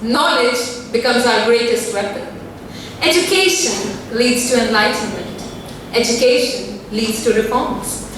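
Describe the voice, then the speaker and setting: A teenage girl with an Indian accent delivers a rehearsed, formal declamation as a student contestant, with precise, deliberate elocution. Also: sits high, bright, forceful tone. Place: school hall at a speech contest. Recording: very echoey hall, distant mic, faint noise.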